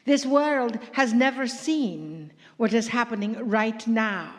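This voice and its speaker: Woman channeling a cheerful otherworldly group voice, slow and high, long hall echo. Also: animated. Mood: earnest. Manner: playful, laughing, addresses crowd as dear ones. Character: group spirit channeled, playful, grandly affectionate. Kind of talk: channeled message to a live audience. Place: large room with audience.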